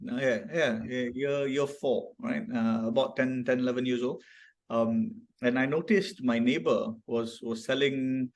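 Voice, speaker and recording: A man's voice: medium pitch, steady tone, measured pace, darkish tone. Guy chatting on a podcast, thoughtful, keeps restarting and saying right?. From Malaysia. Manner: reflective, storytelling, frequent restarts and "right?" tags. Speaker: startup founder guest. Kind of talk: casual podcast conversation.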